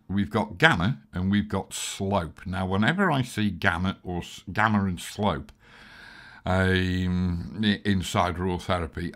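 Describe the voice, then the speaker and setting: A man explaining photo editing software in a chatty, self-deprecating tutorial. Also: sits low. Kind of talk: screen-recorded software tutorial.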